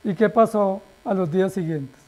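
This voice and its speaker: A male pastor with a high-pitched voice preaches emphatically at a moderate pace. He poses rhetorical questions and lets the ends of his phrases drop away quietly.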